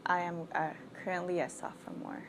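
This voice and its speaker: Frank, low-pitched young woman from Thailand. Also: flat delivery, moderate pace, noisy background. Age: 20s. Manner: frank and chatty, with frequent "like" fillers. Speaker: international student interviewee. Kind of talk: candid casual interview answers.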